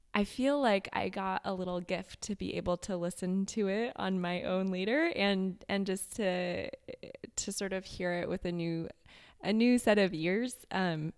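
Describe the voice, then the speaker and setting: A woman co-hosting a podcast, talking in a halting way with many restarts and fillers. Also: fairly low pitch, clear, resonant tone. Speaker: podcast co-host. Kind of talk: casual podcast chat.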